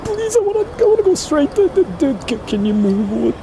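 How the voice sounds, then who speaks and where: Livestreaming from crowded city streets, this man talks at a moderate pace in a very high, highly animated voice, casual and peppered with slang swearing. Cars and general city noise fill the background of the noisy street recording.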